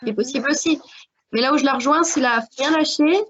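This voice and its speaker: A woman's voice: high-pitched, fairly quick, fairly bright tone. A woman from France with a French accent, speaking earnestly as a guest with many hesitations in a panel discussion. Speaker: alumna guest. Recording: dull lo-fi audio.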